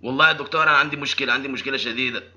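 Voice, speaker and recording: A man's voice: medium pitch, racing, bright, forceful tone, dull audio. A man voicing an insistent, complaining Sudanese caller with a Sudanese Arabic accent in an improvised prank call. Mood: worried, embarrassed.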